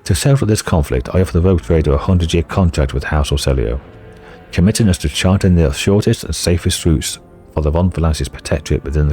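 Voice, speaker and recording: A man's voice: rumbling low, warm tone. A man reading a brave young noble navigator woman. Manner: earnest, formal.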